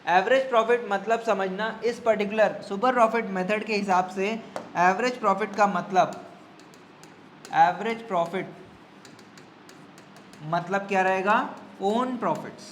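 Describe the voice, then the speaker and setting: High-voiced man teaching accounts. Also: fairly bright tone, slight background noise. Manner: repeats key phrases, checks understanding often; slows down to dictate formulas. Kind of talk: classroom lecture.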